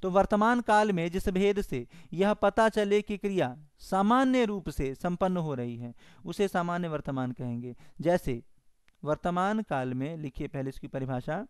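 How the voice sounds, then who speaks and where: A man teaching Hindi grammar in an online exam-prep lesson, with a Bihari Hindi accent, repeating definitions slowly word by word for students to copy down. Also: high-pitched, lively intonation, clean tone, dry recording, studio quality. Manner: slow, repetitive dictation of definitions.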